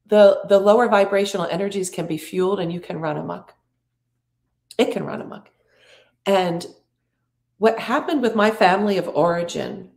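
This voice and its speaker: A middle-aged woman with a low, gravelly voice talks slowly and reflectively, guiding listeners through an uplifting spiritual message. Her phrases stretch out gently with pauses to breathe. The sound carries the echo of a bare room. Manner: slow, drawn-out, reflective phrasing with breathing cues. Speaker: podcast host and spiritual coach. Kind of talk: soothing inspirational talk.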